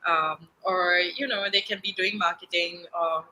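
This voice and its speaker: A woman's voice: fairly low pitch, fairly even intonation, normal speed, bright, forceful tone, a little hiss or hum, rough recording. A young woman from Singapore, a podcast guest, talking in a chatty way with lots of fillers and restarts and frequent laughs. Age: young adult. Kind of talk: casual interview.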